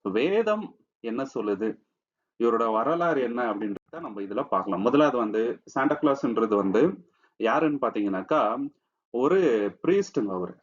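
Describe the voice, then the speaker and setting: A man's voice: mid-range voice, very animated, normal speed, long pauses. Man preaching conversationally. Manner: conversational, addresses listeners with frequent tag questions. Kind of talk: sermon-style teaching video. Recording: slightly dull lo-fi recording.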